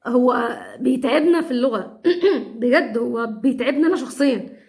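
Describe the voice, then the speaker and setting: A woman with an Egyptian accent teaching English phonics in a chatty way, repeating example words slowly. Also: a little high, darkish tone. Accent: Egyptian Arabic. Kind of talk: phonics lesson.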